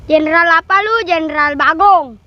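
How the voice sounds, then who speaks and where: A woman as a very shrill, bossy youngster. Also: normal speed, lo-fi sound, a little hiss or hum. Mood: bickering, bossy. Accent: Jakarta Betawi. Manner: bickering, taunting. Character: bossy, teasing youngster playing with a slingshot. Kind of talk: comedy skit acting.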